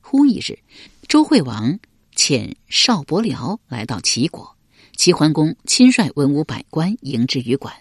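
Low husky woman narrating a story. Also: measured pace, no echo, studio quality. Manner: dramatic, expressive. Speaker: audiobook narrator.

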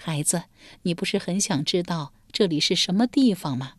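A woman reader voicing a kindly elderly woman servant, speaking slowly and motherly with sighs, as an audiobook character. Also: lowish voice, animated, no echo, studio quality. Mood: reassuring. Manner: slow, sighing, motherly.

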